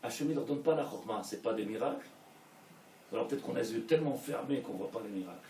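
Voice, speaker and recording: A man with a French Israeli accent giving a Torah class, swinging between soft asides and shouted points, mixing in Hebrew phrases. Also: mid-range voice, lively intonation, fast, a little hiss or hum. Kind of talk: sermon. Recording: echoey room, mic at a distance.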